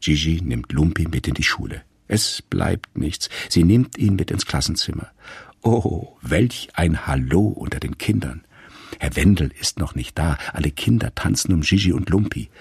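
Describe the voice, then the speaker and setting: A man reading a radio story aloud in a calm, measured storytelling manner. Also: a bass voice, gravelly, husky, dry recording, clean studio sound. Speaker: narrator.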